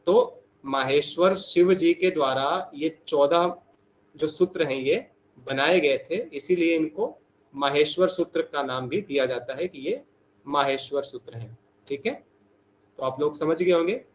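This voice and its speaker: A man teaching a Sanskrit class online, saying each sutra slowly and repeating it for his students. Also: on the high side, a little hiss or hum, low-quality recording.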